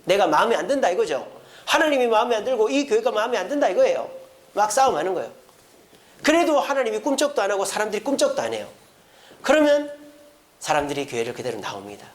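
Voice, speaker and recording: A senior pastor delivers a Sunday sermon with a high, lively voice that leaps up and down in pitch. He talks straight to his congregation, asks them questions and acts out their grumbling in a raised voice. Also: quick pace. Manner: animated preaching, acting out complaining churchgoers in a raised voice; speaks directly to the congregation with rhetorical questions.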